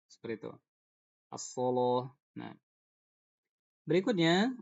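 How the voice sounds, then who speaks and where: A man's voice: mid-range voice, highs cut off. A man teaching Quran recitation in an online class, patiently explaining and repeating sounds to demonstrate them. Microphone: video call.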